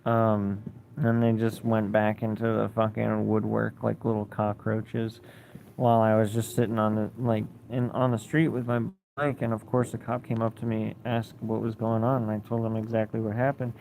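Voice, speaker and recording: A man's voice: lowish voice, flat delivery, moderate pace, gravelly, darkish tone, a little hiss or hum. A young man telling a rambling, profane story in a casual way, full of fillers.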